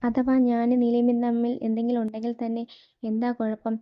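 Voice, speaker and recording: A woman reading the lines of a defensive, short-tempered grown son in an even, flat voice. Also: a little high, fairly quick, lo-fi sound, close to an everyday voice. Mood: irritated.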